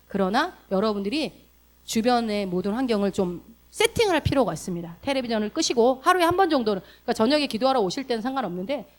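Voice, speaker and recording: A woman pastor preaching a sermon in a casual, direct way, asking the congregation questions and swinging from loud emphatic bursts to hushed soft asides. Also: on the high side. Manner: laughs during delivery. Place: church sanctuary.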